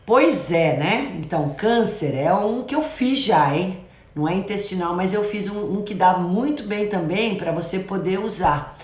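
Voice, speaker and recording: A woman's voice: mid-range voice, lively intonation, unhurried, darkish tone. Chatty woman doctor, roomy echo. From Brazil. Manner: chatty, reads comments aloud and gives friendly advice. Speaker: doctor hosting a live Q&A. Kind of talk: casual live stream answering viewer comments.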